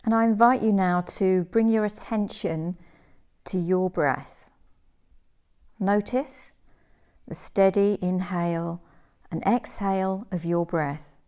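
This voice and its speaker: With a clean tone and medium pitch, a woman leads a guided relaxation meditation as a yoga teacher. She speaks gently and soothingly, in measured phrases punctuated by pauses.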